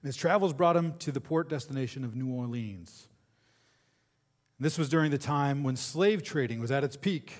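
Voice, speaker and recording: A male preacher telling a sermon story dramatically, swinging from loud passages to near-whispers. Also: mid-range voice, normal speed. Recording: long hall reverb.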